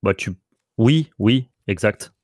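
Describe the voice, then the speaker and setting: A man with a low, slightly deep voice coaches his partner through a card game in quick, excitable casual commentary. The sound is dry and close, with no room around it. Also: no room sound. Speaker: co-host advising the player.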